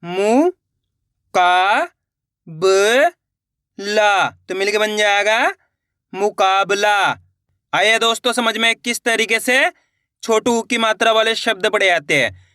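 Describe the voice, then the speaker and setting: A man teaching children to read, slowly drawing out each word syllable by syllable and encouraging viewers as friends. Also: high-pitched, steady tone, sharp tone, smooth, dry recording, clean studio sound. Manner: drawn-out syllable-by-syllable word readings. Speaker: Hindi reading teacher. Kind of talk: slow spelled-out reading lesson.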